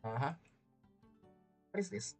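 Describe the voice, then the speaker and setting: A woman game streamer, non-native in English, speaks at a measured pace in a slightly mellow voice. Her casual livestream chat wanders hesitantly, doubling back and repeating phrases. In the background are video game music and character voices.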